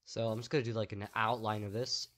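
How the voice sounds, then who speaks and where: A young gaming YouTuber gives casual, upbeat commentary, thinking aloud with plenty of fillers, though his voice is tired and strained from a full day of talking. It is fairly low and a bit bright, delivered flatly and fast.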